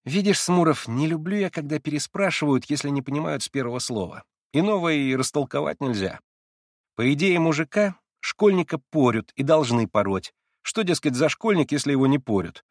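Guy doing a cocky know-it-all schoolboy, bouncy and a bit high. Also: lively intonation, brisk, dry recording, studio quality. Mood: brash lecturing. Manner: brash, teasing, lecturing.

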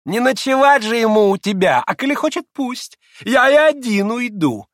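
A man's voice: mid-range voice, big pitch swings, a little slow, fairly bright tone, no echo, studio quality, pitched above the performer's own voice. A man voicing a sarcastic, irritable young man who needles and mocks. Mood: mocking.

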